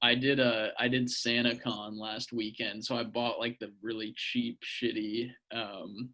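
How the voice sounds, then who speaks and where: A man's voice: mid-range voice, little pitch movement, unhurried, bright, forceful tone. A young man co-hosting a casual podcast, cracking crude jokes and trailing off into fillers. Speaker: podcast co-host. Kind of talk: casual chat.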